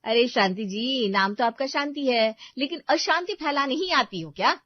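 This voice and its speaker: A woman's voice: a little high, animated, moderate pace, no echo, pitched above the performer's own voice. A woman voicing an angry young housewife who scolds and sneers in a harsh, sarcastic tone, for a cartoon story. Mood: scornful. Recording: dull lo-fi voice track.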